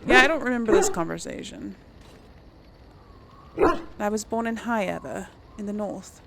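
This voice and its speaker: A woman playing a game for her video talks casually, musing aloud and reading the dialogue choices as part of her let's play commentary. Her mid-range voice has vocal fry and a moderate pace, and the recording is very noisy.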